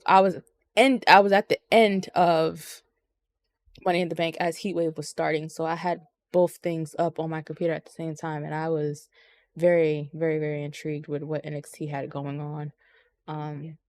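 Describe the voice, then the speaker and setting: A woman's voice: low voice, no echo. A woman co-hosting a podcast, chatting casually about wrestling with lots of ums and swearing. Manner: rambling, profane, frequent ums. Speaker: podcast co-host.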